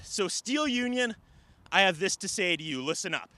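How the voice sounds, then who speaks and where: A man's voice: high voice, expressive, normal speed, bright, forceful tone, no room sound. A man delivering a wrestling promo, emphatic and indignant, punching out rhetorical questions.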